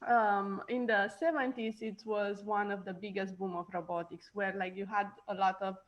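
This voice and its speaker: A woman from Romania talks through her answers as an interview guest, pausing often on "um" and "like". Her voice sits at a middle pitch. The recording sounds dull and lo-fi. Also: fairly even intonation. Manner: hesitant, many fillers and "like". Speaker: robotics professor, guest.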